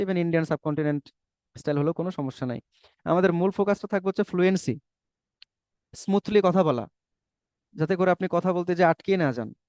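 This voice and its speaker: Guy teaching a spoken english webinar, kinda high voice, dry sound, keeps asking questions then answering them. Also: darkish tone, no echo. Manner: persuasive, rhetorical questions, mixes in English words. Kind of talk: webinar lecture.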